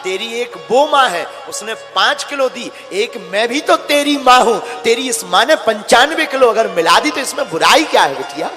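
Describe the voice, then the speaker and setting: A male preacher voicing a proud, loving older mother-in-law who calls out loudly and commandingly, in an echoey hall with music behind. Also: very high voice, lively intonation, normal speed, hardly any pauses, exaggerated voice. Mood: affectionate.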